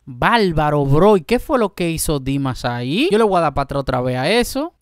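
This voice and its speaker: A young man hosting a reaction video, talking casually and excitedly, breaking into exclamations and calling out to his viewers. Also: fairly high pitch, fast, slight background noise.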